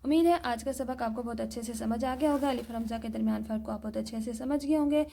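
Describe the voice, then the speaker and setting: A woman with a Pakistani Urdu accent teaching Quran reading, patiently repeating each point and slowly sounding out example words. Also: fairly high pitch, vocal fry, dark tone, a little hiss or hum. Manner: patient, repeats points and asks "theek hai?". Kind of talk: recorded tajweed lesson.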